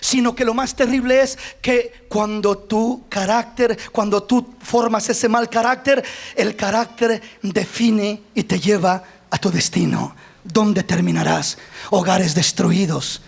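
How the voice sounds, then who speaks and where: A male pastor preaching a sermon with passion, rising to shouts on key lines. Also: sits high, vocal fry.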